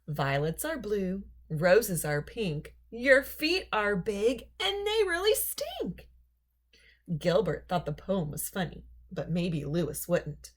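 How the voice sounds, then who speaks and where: Reading a children's tale out loud, this storybook narrator is a woman whose voice sits on the low side, and she tells it with expressive, unhurried care.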